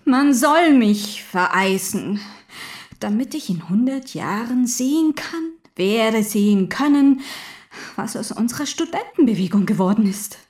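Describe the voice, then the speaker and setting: A woman playing a bitter jailed militant, slow and high. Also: animated. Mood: numb, brooding. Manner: swings between hushed whispers and shouted outbursts. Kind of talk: theatrical stage monologue.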